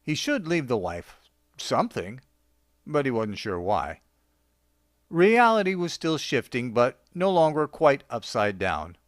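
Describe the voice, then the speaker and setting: A man reading a short story aloud with a wry, deadpan delivery. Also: medium pitch, unhurried, no room sound, clean studio sound. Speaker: narrator.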